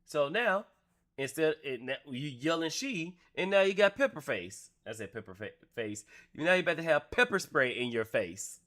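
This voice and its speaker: Incredulous man reacting, slightly high voice. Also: lively intonation, moderate pace, sharp tone. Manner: profane, incredulous, lecturing. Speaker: let's-play host reacting to a clip. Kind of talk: casual reaction commentary.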